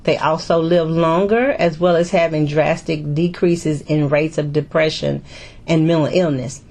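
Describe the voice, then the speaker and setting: A middle-aged woman hosting a casual discussion, chatty and warm, often repeating words as she goes. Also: low voice, fairly even intonation, unhurried, gravelly. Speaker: host.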